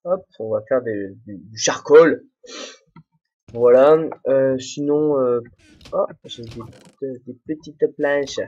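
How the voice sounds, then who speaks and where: A young man hosts a let's play, rambling to himself and poking fun at himself as he games. His medium-pitched voice is slow and a little mellow, picked up by a desk mic without headphones in a dull, muffled home recording.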